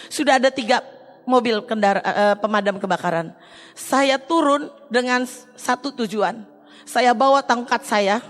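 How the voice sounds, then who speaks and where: A middle-aged woman giving an earnest, halting personal testimony in church. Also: a little high. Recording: long hall reverb.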